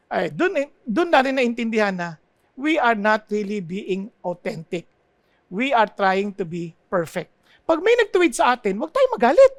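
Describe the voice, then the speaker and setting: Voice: mid-range voice, no echo. An earnest preacher from the Philippines delivers a sermon, slipping English phrases into the flow and sharing personal confessions. The voice is recorded dry and close, with no room sound around it.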